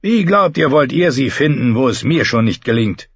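Give me a contemptuous, commanding lord from a storybook, as a narrator puts him on, cutting and scornful in every line. The voice is husky and is heard in a dry, slightly muffled recording. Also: male voice, mid-range voice, lively intonation, moderate pace, no room sound, pitched above the performer's own voice. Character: harsh scornful older male lord, contemptuous.

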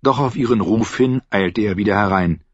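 Male audiobook narrator, expressive; husky voice, dry close sound. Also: lowish voice, moderate pace, no room sound, dull audio. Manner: expressive storytelling. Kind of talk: scripted narration.

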